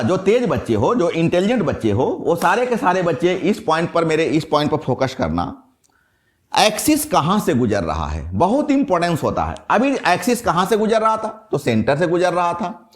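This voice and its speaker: Male physics teacher, middle-aged, quizzing the class, animated rising and falling delivery. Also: fairly high pitch. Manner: lively, questions the class and answers himself. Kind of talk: classroom lecture.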